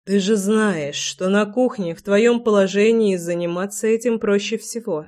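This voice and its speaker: A woman reading aloud and voicing a tender, teasing young husband in a soft murmur. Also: normal speed, close to an everyday voice. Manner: hushed, low murmur.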